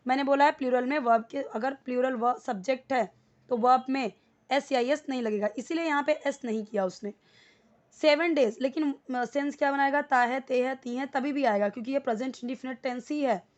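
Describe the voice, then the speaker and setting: A woman teaching spoken English in Hindi, explaining grammar step by step and repeating words slowly for learners to copy. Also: high-pitched. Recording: dull lo-fi recording.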